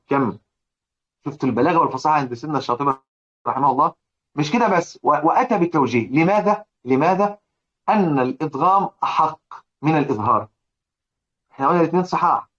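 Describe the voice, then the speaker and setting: On lo-fi audio, a man whose voice is slightly high and fairly bright teaches recitation rules through a religious lesson explaining a poem. He speaks with an Egyptian Arabic accent and drills his students with repeated rhetorical questions.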